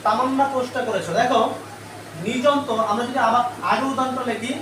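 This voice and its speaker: Brisk and steady in tone, a very high-pitched man delivers a live online grammar lesson where he keeps posing repeated questions and answers them himself. The mic is distant, the room echoey, and faint noise is present.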